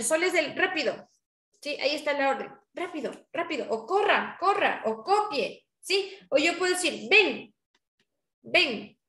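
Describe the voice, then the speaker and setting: A woman's voice: sits high, fairly bright tone, reverberant. A woman teacher giving a patient grammar lesson to her class, often checking in with her students.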